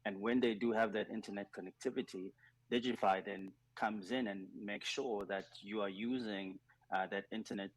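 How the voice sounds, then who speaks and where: A man from South Africa who leads a nonprofit program, talking in a radio interview in an earnest, measured way, with many ums and uhs. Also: on the low side, steady tone, dry recording, rough recording. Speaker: nonprofit digital skills program leader.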